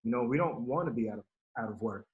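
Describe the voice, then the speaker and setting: A man's voice: mid-range voice, expressive, fast talker, phone-quality sound. A man who works as a newspaper journalist, speaking hesitantly in a panel discussion and filling his sentences with "like" and "you know". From Pittsburgh.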